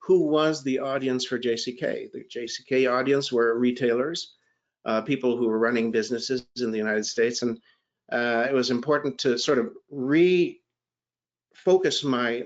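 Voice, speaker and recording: A man in a panel talk winds through a long, self-deprecating career story, often circling back and restarting his sentences. His voice sits at an ordinary mid pitch. The sound comes through a dull, lo-fi line that has lost its crispness. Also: steady tone, normal speed. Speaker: gemology writer and panelist.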